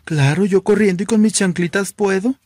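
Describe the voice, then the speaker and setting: A man's voice: high-pitched, normal speed, a little mellow, no echo, voice pushed up. A coquettish young guy in flip-flops sighs out every line in a lilting, raised voice, as a Mexican man telling a joke puts him on. The voice sits well above the teller's own. It sounds close and dry, with no room around it. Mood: teasing. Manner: sighing, singsong and coquettish. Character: flamboyant, sing-song young man in plastic flip-flops.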